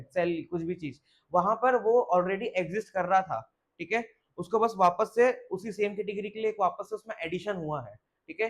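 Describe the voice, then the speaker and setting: High-voiced male biology teacher. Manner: explains step by step, asks and answers questions aloud, frequent "theek hai". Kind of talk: classroom lecture.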